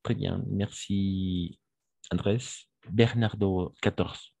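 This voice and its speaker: Low, unhurried male language teacher, patient and encouraging, dry close mic. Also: steady tone, gravelly, dark tone, no echo. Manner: patient, repeats forms slowly and praises students. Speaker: French teacher. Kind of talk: online French grammar lesson.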